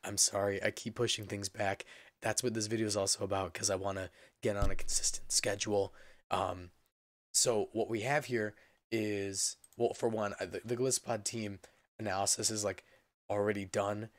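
A young man with a hoarse voice that is giving out from being sick, giving a casual, rambling update as a gaming channel host. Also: fairly low pitch, steady tone, normal speed, no echo. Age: young adult. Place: indoor room at a computer.

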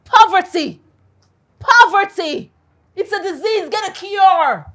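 A Nigerian actress playing a vain, boastful female influencer who insults people in a haughty way, with soft film music behind. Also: sits high, expressive, unhurried, no room sound. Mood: furious. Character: vain lying female social media influencer. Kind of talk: Nollywood film acting.

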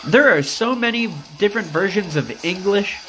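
A man's voice: high-pitched, animated, moderate pace, a bit bright, poor audio. A man chatting on a game stream, rambling and cursing as he answers his chat. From United States. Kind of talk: casual live-stream chat while gaming. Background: music.

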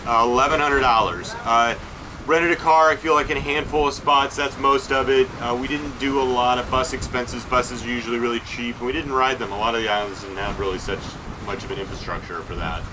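Aboard a sailboat, a sailing vlog co-host calmly and practically breaks down a list of expenses, pausing often on "uh" and "um." His pitch sits in an ordinary middle range, and his matter-of-fact delivery lists figures while wind and boat noise are clearly audible behind him.

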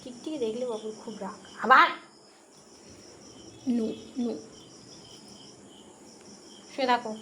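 A woman's voice: fairly high pitch, slow pace, pauses often, bright, forceful tone, slight background noise. A woman talking to her pet dog at home, scolding it and coaxing it, and repeating herself often. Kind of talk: casual talk to a dog.

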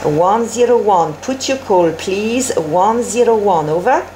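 Slow-paced woman operating ham radio. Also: mid-range voice, expressive, heavy background noise. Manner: repeats call signs and confirmations. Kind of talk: ham radio contact, phonetic call signs and signal reports. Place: indoors at a desk with radio set.

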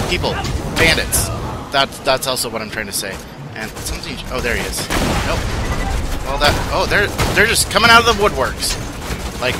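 A man hosting a gaming video, giving casual let's-play commentary, rambling and joking as he plays. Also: on the high side. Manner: rambling, joking, talking to himself. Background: game gunfire.

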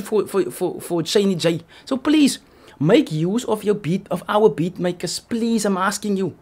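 Reaction host, man, slightly high voice, emphatic and repetitive. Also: darkish tone. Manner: emphatic, repeats his points. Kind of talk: casual commentary on a song.

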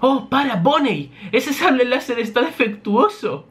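A man's voice: extremely high pitch, sing-song, unhurried, fairly bright tone, voice pushed up, heavily acted. A man voicing an eccentric male genius scientist who explains his ideas at length. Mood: pleading. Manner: explanatory, lecturing.

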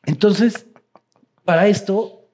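A man with a Mexican accent, telling profane, animated stories as a guest in a casual interview. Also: sits high, takes it slowly, very noisy. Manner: profane, animated, laughing while telling anecdotes.

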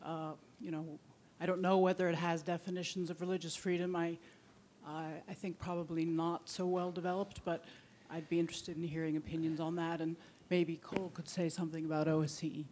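A woman's voice: on the low side, level tone, a little fast, a little mellow, slight background noise. A woman from a religious freedom commission speaking from the audience in a conversational way, often restarting her phrases. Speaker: commission staff member in the audience.

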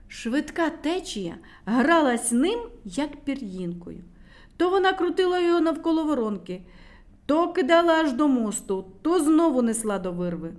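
A woman storyteller reading a children's tale aloud in a lively, dramatic way. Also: high voice, measured pace.

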